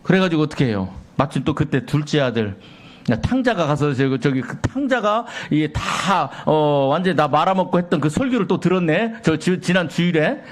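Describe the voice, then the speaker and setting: Guy pastor preaching in church, kinda high voice that swings all over, keeps asking the crowd questions. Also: normal speed. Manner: animated, rhetorical questions to the congregation; acts out quoted dialogue in sketches. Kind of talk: sermon. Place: church sanctuary.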